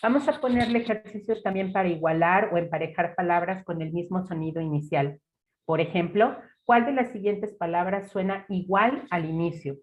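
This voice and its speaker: A woman's voice: lowish voice, moderate pace. A woman with a Mexican Spanish accent giving an academic talk with slides. She explains methodically, step by step, with example words. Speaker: lecturer.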